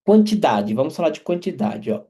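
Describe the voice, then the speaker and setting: A man with a slightly high, warm, and very animated voice teaches French grammar, explaining every example as he goes. He repeats himself and checks in with listeners using quick tags.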